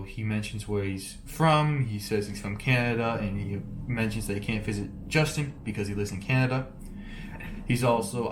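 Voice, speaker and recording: A man's voice: medium pitch, a little hiss or hum. A man giving a joking, mock-serious conspiracy rant as a YouTuber, rambling and often restarting his sentences. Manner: rambling, self-interrupting, half-joking deadpan.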